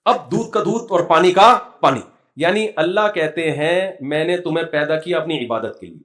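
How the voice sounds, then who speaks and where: A middle-aged man delivering a relaxed, joking sermon in a somewhat high voice. He tells stories and slips into slow Arabic recitation now and then, speaking in a chatty, storytelling way. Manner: storytelling, humorous, quotes Quranic verses in Arabic. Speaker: Islamic scholar giving a religious talk. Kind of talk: conversational sermon with jokes and anecdotes.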